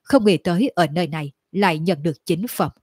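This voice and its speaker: A woman's voice: lowish voice, a little fast, darkish tone, breathy edge, no room sound, clean studio sound. A woman reading as a fierce young demon lord. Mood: gloating.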